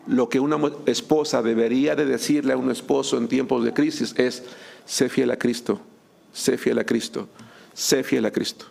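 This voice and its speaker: Gravelly-voiced pastor preaching. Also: male voice, mid-range voice, a little mellow. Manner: humorous, acts out couples' dialogue. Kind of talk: sermon.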